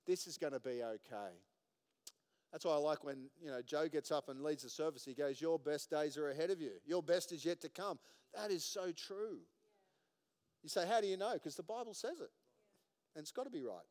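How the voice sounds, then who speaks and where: A male pastor with a smooth, resonant, fairly high voice preaches earnestly to his congregation. He drops to near-hushed stretches and then climbs to loud emphatic points. The sound carries a long reverb from the church hall. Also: fairly quick. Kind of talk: sermon. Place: church auditorium.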